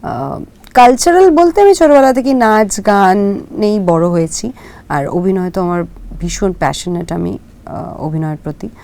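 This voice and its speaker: A young woman from Kolkata with a Kolkata Bengali accent, answering interview questions hesitantly, with drawn-out fillers and English words dropped in. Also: medium pitch, animated, creaky, mellow. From Kolkata, India. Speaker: actress guest.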